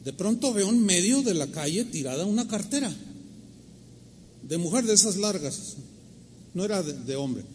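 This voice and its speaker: A man's voice: high-pitched, animated, normal speed, long pauses, darkish tone, in a large hall, slight background noise. A man with a Mexican accent preaching a sermon, telling personal stories and asking the audience rhetorical questions. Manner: storytelling, exhorting, rhetorical questions.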